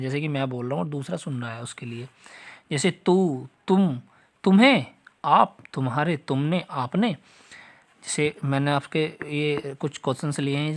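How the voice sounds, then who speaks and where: Man teaching Hindi grammar, fairly high voice. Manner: explains step by step, repeats example sentences; talks straight to students, asks if they follow. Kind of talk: exam-prep grammar lesson.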